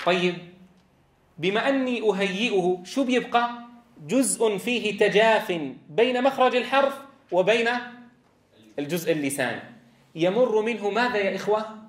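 A man's voice: sits high, moderate pace, long pauses. A man teaching Quran recitation in a classroom. He explains step by step, asks the class questions and draws out sounds to demonstrate them. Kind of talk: classroom tajweed lecture. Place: classroom with a board. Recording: echoey classroom.

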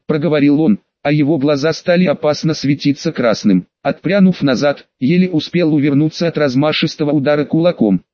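A man with a fairly high voice narrates a fantasy audiobook in a dramatic reading. The sound is dry and slightly dull, like a close home-studio mic. He drops lower and louder for the characters' lines. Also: no room sound.

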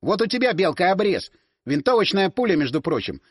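A man's voice: high voice, big pitch swings, brisk, slightly rough, dry recording, clean studio sound, full character voice. A man voicing a laid-back young man who lectures and teases, in an audiobook. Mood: lecturing.

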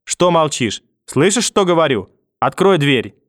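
A man's voice: medium pitch, expressive, normal speed, dry recording, studio quality, natural voice. A man reading an audiobook and voicing a furious, vicious old grandmother who scolds, curses and threatens. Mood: threatening.

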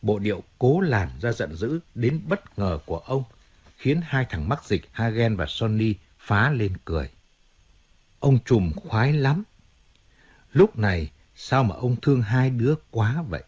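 Male audiobook narrator, steady tone. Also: mid-range voice, a little slow, husky, muffled recording. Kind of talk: scripted narration.

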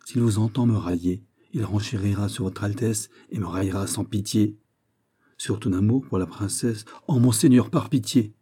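A man's voice: on the low side, normal speed, warm tone, breathy edge. A man voicing a flustered young nobleman who answers his prince deferentially and pleads for mercy, in an audiobook. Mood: pleading deferential.

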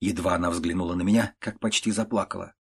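Audiobook narrator: man, lowish voice, husky, measured storytelling of classic prose. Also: steady tone.

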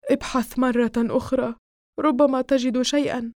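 A woman's voice: high voice, steady tone, moderate pace, darkish tone, dry recording, clean studio sound. A woman voicing a frightened young man, pleading. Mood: pained, subdued. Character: frightened young man, injured, slowly vanishing. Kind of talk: audiobook character reading.

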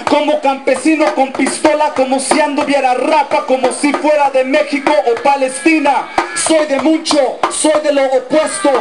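A man's voice: very high voice, little pitch movement, moderate pace. A man from Los Angeles, a rapper giving a live political rap performance with rhythmic call-and-response. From Los Angeles, United States. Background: loud music.

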